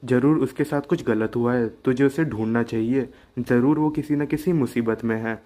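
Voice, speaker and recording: A man's voice: mid-range voice, normal speed, mellow, natural voice. A man voicing a chatty young village woman in a cartoon, chirpy and fussing over her friend.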